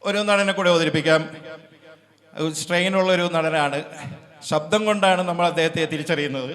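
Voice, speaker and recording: A man's voice: a little high, a little fast, fairly bright tone. A man performing a stage mimicry show, explaining and introducing each impression. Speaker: mimicry artist. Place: community gathering stage. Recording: echoey hall reverb.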